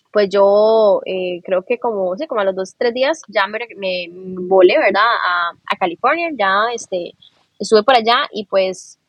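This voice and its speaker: A woman guest recounting her experience hesitantly, with many pauses and fillers. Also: medium pitch, dry recording. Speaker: podcast guest. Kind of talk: personal storytelling.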